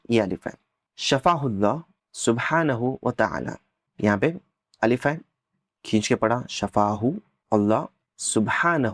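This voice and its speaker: A man's voice: medium pitch, no room sound, clean studio sound. Man teaching, patient drilling of words. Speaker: Arabic teacher. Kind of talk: explaining an Arabic lesson.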